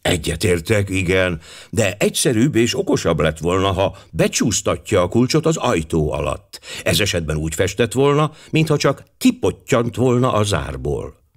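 A man reading an audiobook voices a quiet, precise older male detective who speaks softly and deliberately. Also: low-pitched, big pitch swings, heavily acted. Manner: soft, measured, slightly apologetic.

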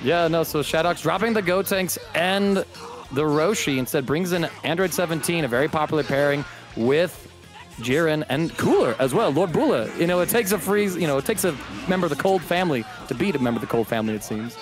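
A man commentating a fighting game tournament live, excitable and joking. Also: a little high, a little fast. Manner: excitable, shouts and jokes. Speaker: esports commentator. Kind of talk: hype play-by-play commentary. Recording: commentary over loud game music.

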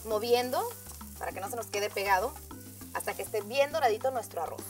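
A woman hosts a scripted cooking demonstration, walking viewers through a recipe step by step and calling them friends in an upbeat, friendly tone. Her mid-range voice moves fairly quickly over soft background music.

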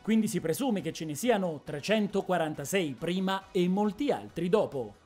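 A woman narrating a fantasy story in a measured, expressive reading style. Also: lowish voice, soft background music. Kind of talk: dramatic audiobook narration.

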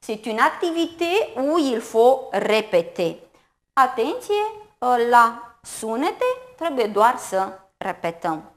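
Slow, careful woman teaching French. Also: on the high side, big pitch swings. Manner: slow, careful enunciation of syllables and words; repeats each phrase in two languages. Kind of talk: bilingual TV lesson, French with Romanian translation.

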